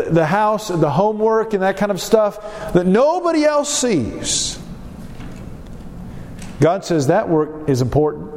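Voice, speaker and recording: A man's voice: a little high, darkish tone. A man preaching a Bible lesson with a congested, pinched-nose sound from a cold, teaching emphatically with repetition and rhetorical questions. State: stuffed up with a cold. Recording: echoey hall, long reverb, faint background noise.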